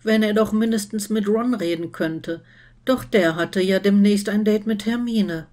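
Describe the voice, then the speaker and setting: A woman's voice: medium pitch, unhurried, darkish tone. Woman narrating a story. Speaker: reader. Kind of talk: scripted narration of fan fiction.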